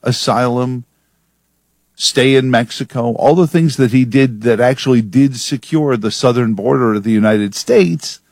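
A man's voice: medium pitch, a little slow, darkish tone, no room sound, clean studio sound. Opinionated male talk radio host. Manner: opinionated, emphatic, sardonic.

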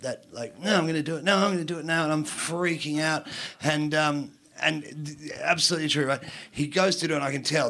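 Gravelly Australian comedian telling a story. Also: male voice, fairly high pitch, fairly bright tone. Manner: rambling, profane, self-mocking with restarts. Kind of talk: stand-up storytelling.

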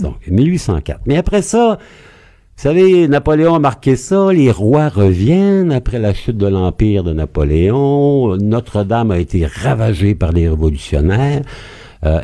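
A man with a Quebec French accent, a historian guest telling history in a lively, expressive way on a radio interview. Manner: lively, expressive storyteller with wide pitch swings.

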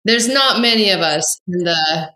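A woman's voice: lowish voice, animated, unhurried, bright, forceful tone. Dry-humored woman in her thirties, echoey. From raised in the UK. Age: 30s. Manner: dry, joking, matter-of-fact. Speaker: podcast guest. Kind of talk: casual interview chat. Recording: echoey room.

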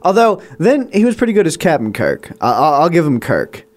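Halting, dry-witted man co-hosting a podcast. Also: on the high side, big pitch swings. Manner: hesitant, halting with restarts, dry wit. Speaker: podcast co-host. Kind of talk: casual movie review chat.

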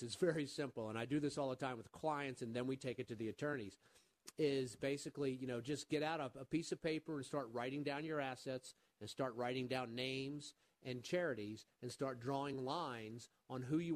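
A man hosting a call-in radio show and giving financial advice, earnest, often repeating words as he starts a sentence. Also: mid-range voice.

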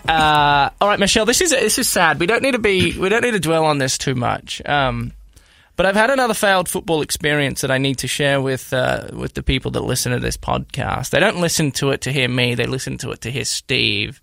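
A man in his thirties with an Australian accent, co-hosting a podcast and telling a story in a rambling, animated way with lots of fillers and restarts. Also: mid-range voice, brisk, vocal fry, no echo, clean studio sound. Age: 30s. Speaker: podcast co-host. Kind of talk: casual storytelling chat.

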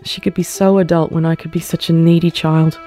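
A woman reading a first-person short story aloud, measured and sorrowful. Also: low-pitched, flat delivery, warm tone, faint music behind. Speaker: story narrator. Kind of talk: scripted first-person narration.

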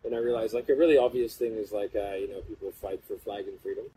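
Guy with a lowish voice just rambling casually on a podcast, pretty noisy behind him. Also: steady tone, quick pace, mellow. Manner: rambling and informal, with casual swearing. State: cold, in an ice bath. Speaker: podcast speaker. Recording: clearly noisy background hum.

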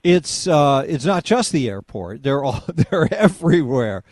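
A man's voice: fairly high pitch, sing-song, measured pace, a little mellow, no echo, clean studio sound. A male radio host on a call-in show, leading the caller along with pointed questions. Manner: probing, leads the caller with questions. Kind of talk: call-in talk radio debate.

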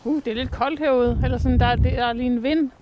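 A woman's voice: steady tone, highs cut off. A woman banters casually with friends. Her manner is blunt and questioning, and faint outdoor noise sits behind her. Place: outdoors by the water. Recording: outdoor ambient noise, vehicle rumble.

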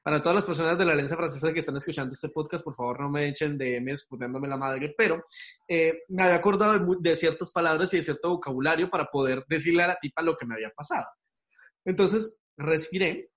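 A man telling things casually and informally as a podcast guest, with an animated storytelling manner. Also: on the high side, quick pace.

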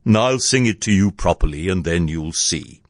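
Man voicing Winnie-the-Pooh, amiable, earnest bear, lively pitch. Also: moderate pace, dry recording, clean studio sound. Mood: earnest, muddled. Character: amiable, slow-witted male toy bear. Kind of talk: children's storybook character reading.

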